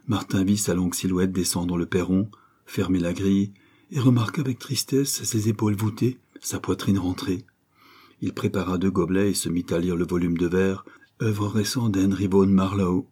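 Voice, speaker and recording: Low, husky male audiobook narrator. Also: steady tone, moderate pace, dark tone. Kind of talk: scripted narration of a novel.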